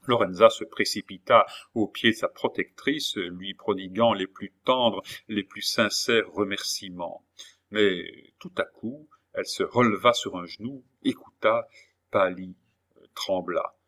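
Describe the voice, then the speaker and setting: A man's voice: on the low side, unhurried. Man reading a classic novel aloud. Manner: steady reading with frequent hesitation fillers. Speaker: audiobook reader.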